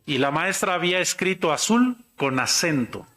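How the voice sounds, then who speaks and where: A man giving an academic conference talk, measured and explanatory. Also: fairly high pitch, lively intonation, a bit bright. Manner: measured, explanatory, tells anecdotes. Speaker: lecturer.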